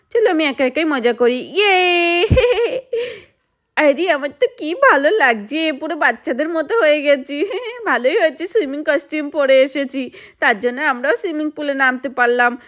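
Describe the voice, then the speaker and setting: A woman telling a lively doll play story and voicing all the dolls. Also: high-pitched. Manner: lively, plays every doll's voice.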